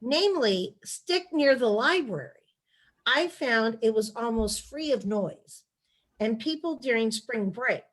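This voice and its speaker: Reading letters aloud in a measured, narrative way, this woman author and former chief of staff speaks on a video call interview. Her voice sits a little high and sounds animated.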